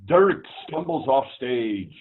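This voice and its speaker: Guy reading out stage directions, bit rough voice, tinny line. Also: medium pitch, animated, slow. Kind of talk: scripted narration. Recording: tinny, phone-like online audio.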